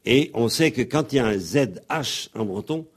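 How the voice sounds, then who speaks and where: A man on the radio patiently explaining pronunciation like a teacher, spelling out letters and pausing on fillers. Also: mid-range voice, expressive, breathy edge. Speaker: guest explaining Breton pronunciation.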